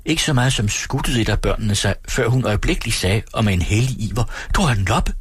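A man from Denmark reading a novel aloud on his radio show, calm and measured. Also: on the low side, husky, no room sound.

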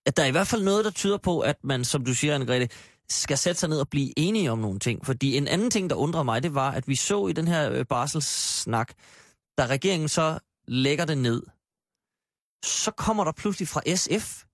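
A man's voice: on the high side, lively intonation, no echo, clean studio sound. A man hosting a political panel discussion, asking probing questions and acting out imagined statements. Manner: probing, acts out imagined quotes. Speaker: host.

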